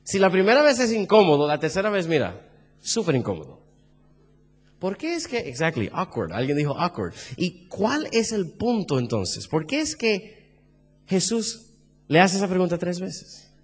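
A man's voice: sits high, huge pitch swings, normal speed, slightly rough, soft background music. Caribbean-accented male preacher, sermon style, quizzes the congregation, long reverb of a hall. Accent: Caribbean Spanish.

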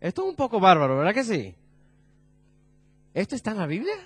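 A man preaching a sermon, asking the congregation questions and dropping his voice low for emphasis. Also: wildly swooping pitch, a little fast, fairly bright tone, slightly rough, no echo, faint music behind.

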